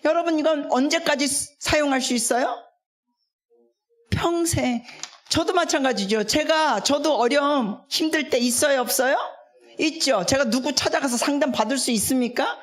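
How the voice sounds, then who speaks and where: A woman, a guest missionary, preaching a revival sermon as an animated storyteller who acts out the people in her stories and coaxes the congregation to respond. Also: high voice, moderate pace. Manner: animated, acts out quoted speech.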